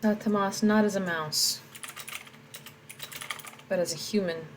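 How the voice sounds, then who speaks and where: A woman's voice: mid-range voice, fairly even intonation, slow, noisy background. A woman reading her own story aloud and reflectively talking through her edits.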